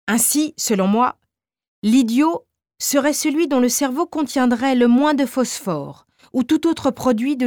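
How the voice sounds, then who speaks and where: A woman's voice: high-pitched, darkish tone, no echo, studio quality, pitched above the performer's own voice. A woman voicing a feverish, obsessed male chemist who declaims with rising fervor in an audiobook reading.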